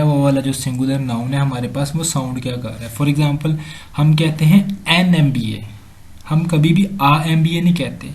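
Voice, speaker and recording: A man with a Pakistani accent teaching English grammar over slides, slowly repeating examples and mixing in English sentences. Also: on the high side, darkish tone. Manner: slow and repetitive, drills examples aloud, mixes in English sentences. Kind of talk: slide-based lesson explanation.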